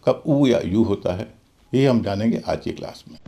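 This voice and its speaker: Gravelly-voiced male English teacher. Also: fairly low pitch, expressive, normal speed, mellow. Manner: methodical, spells out words letter by letter. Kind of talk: scripted video lesson.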